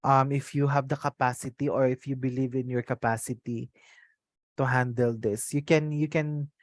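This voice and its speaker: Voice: mid-range voice, flat delivery, moderate pace, dry recording. A Filipino trainer, a native Tagalog speaker, leads an interactive online lesson, switching between Tagalog and English mid-sentence and often checking in with short tag questions. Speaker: trainer leading an online customer service course.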